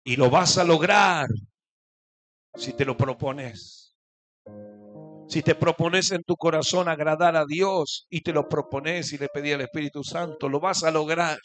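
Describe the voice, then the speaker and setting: High, bright-voiced exhorting pastor. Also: male voice, steady tone, measured pace. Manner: exhorting, swings from soft to shouted; repeats phrases, calls for amen. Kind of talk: sermon.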